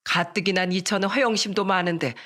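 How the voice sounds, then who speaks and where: A storyteller voicing an angry middle-aged mother-in-law who scolds her daughter-in-law in a raised, shrill voice. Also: steady tone, fairly quick, lightly acted. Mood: lecturing. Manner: shrill and scolding, rising louder.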